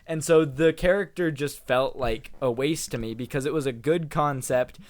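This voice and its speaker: A young man co-hosting a casual podcast, talking about his game characters in a relaxed, chatty way. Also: medium pitch, moderate pace. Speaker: podcast co-host. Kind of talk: casual chat.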